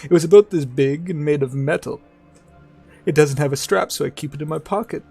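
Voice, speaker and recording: A man's voice: on the high side, fairly quick, vocal fry, darkish tone, breathy edge, soft background music, voice pushed up. A man voicing an amiable, chatty old scavenger from a video game in a folksy old-timer manner. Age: older. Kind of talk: video game dialogue read in character.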